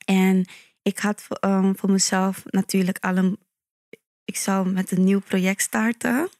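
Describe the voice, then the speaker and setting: Woman, podcast guest, calm and measured, flat monotone delivery, dry close mic. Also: mid-range voice, dry recording. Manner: calm, measured storytelling with frequent affirmations. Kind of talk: conversational podcast interview.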